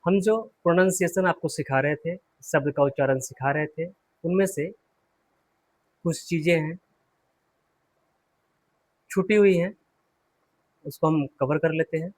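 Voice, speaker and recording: High-voiced man teaching pronunciation. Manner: repeats words slowly, asks and answers own questions; clears throat often. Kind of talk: classroom lesson.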